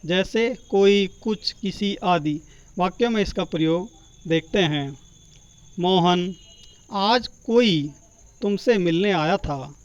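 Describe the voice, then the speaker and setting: A man teaching a grammar lesson, slow and deliberate, drawing out each example word. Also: high voice, clear, resonant tone, no room sound. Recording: dull, muffled lo-fi sound.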